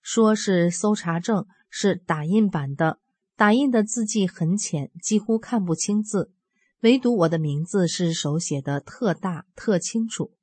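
A woman in her fifties reading aloud a personal account in an earnest, steady storytelling way. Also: on the low side, measured pace, husky, no echo. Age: 50s. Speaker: religious practitioner sharing a testimony.

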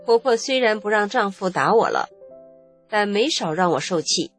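A woman's voice: mid-range voice, expressive, normal speed, faint music behind. A woman, earnestly narrating her own life story in the first person. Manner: emotional, earnest recounting.

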